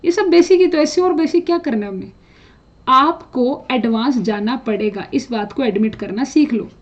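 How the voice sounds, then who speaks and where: A woman's voice: high voice, normal speed. A woman chemistry teacher giving students direct, no-nonsense exam preparation advice, slipping English phrases into her talk. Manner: direct, scolding, mixes English phrases into speech. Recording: dull lo-fi sound.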